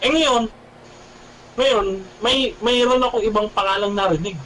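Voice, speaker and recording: High-voiced man, animated radio guest telling his testimony, addresses the host as "bro". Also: a little slow, a little hiss or hum, rough recording. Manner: animated, keeps calling the host "bro", repeats himself.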